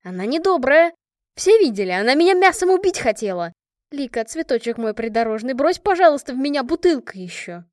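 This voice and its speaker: A cheeky, mocking young woman, loud and high as she teases her friend, read by a woman. the sound is dry with no room echo. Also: very animated, brisk. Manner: mocking, playful.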